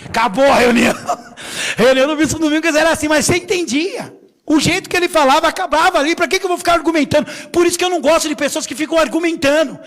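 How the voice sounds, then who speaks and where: A middle-aged man, a bishop, preaching a lively sermon full of stories and jokes, acting out what others said with big swings in his voice. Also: fast. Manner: animated, jokey, acts out quotes with big pitch swings. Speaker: bishop and pastor. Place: church sanctuary. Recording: long reverb of a church hall.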